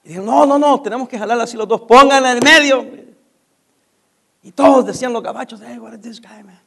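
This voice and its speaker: A man's voice: extremely high pitch, a little fast, creaky. A middle-aged man with a Mexican accent telling a casual work anecdote, acting out the dialogue and laughing as he goes. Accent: Mexican Spanish. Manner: animated, acts out dialogue, laughs while telling. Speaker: storyteller.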